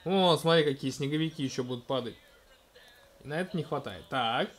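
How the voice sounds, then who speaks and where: Playing a game alongside his small child, a gentle man talks to the toddler, coaxing and narrating the on-screen action as a let's-play host. He speaks fairly quickly in a mid-range voice.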